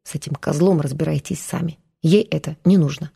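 Woman reading a gentle protective man. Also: sits low, a little fast, vocal fry, husky, exaggerated voice. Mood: tender. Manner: soft, tender.

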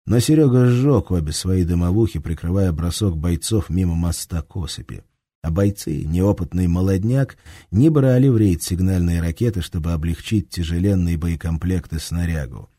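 A man narrating a war story in a measured, tense tone. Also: low-pitched, warm tone, no echo, clean studio sound. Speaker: audiobook narrator. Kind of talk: scripted narration.

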